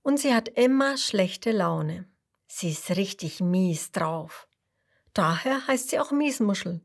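A woman's voice: medium pitch, lively intonation. A woman telling a children's story in a soothing voice, speaking straight to her young listeners and at times dropping to a whisper. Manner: slow, soothing, addresses listeners directly, sometimes drops to a whisper. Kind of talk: children's bedtime story narration.

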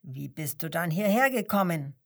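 A woman's voice: on the low side, animated, normal speed. A grumbling, sulky lion, as a woman puts him on. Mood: grumpy. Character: grumpy bored male zoo lion.

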